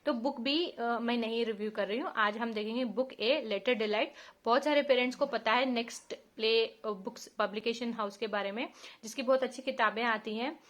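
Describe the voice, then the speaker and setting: Indian woman in her 30s, higher voice, patient teaching walkthrough, sounds out letters. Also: fairly bright tone. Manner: explains patiently, spells out letter sounds slowly. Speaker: parent reviewing a phonics book.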